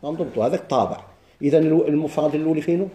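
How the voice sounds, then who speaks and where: A man with a Moroccan Arabic accent teaching a grammar lesson, quizzing students with quick questions and answers. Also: on the high side, mellow. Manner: chants verse slowly.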